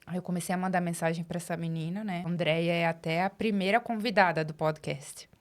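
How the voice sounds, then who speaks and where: Brazilian woman, interview guest, lower voice, lively storyteller who acts out quoted dialogue. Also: brisk. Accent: Brazilian Portuguese.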